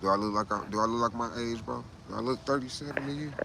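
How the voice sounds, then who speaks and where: Quick and casual, this man in his late thirties hosts a livestream with a medium-pitched voice edged with vocal fry. Noise fills the background as he swears, loops back over his words, and drops "bro" constantly.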